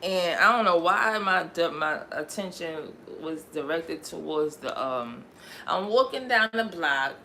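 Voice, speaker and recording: A woman's voice: lowish voice, lively intonation, unhurried, pushed and bright, slight background noise. A young woman raised in Connecticut, chatting casually on her livestream in a rambling, slangy way and laughing often. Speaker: livestream host.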